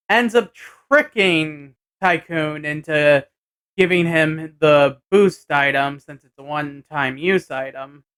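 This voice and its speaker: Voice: mid-range voice, a bit bright, clear, resonant tone. A person giving a casual episode recap vlog, hesitantly thinking aloud as they go. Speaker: anime and tokusatsu episode reviewer.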